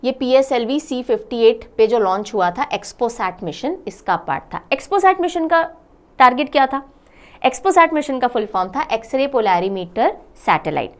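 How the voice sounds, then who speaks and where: In an exam-prep lecture on current affairs, a woman explains each point step by step, posing questions and answering them herself while weaving English phrases into her Hindi. Her voice is on the high side and expressive, and she speaks at a normal speed.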